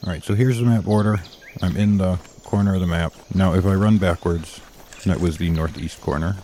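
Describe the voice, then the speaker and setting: A man's voice: sits low, fairly even intonation, fairly quick, warm tone, a little hiss or hum. A man narrating an unscripted, step-by-step game walkthrough in a matter-of-fact, instructive way, describing each action as he does it. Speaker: audio game guide narrator. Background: computer game sounds and ambience.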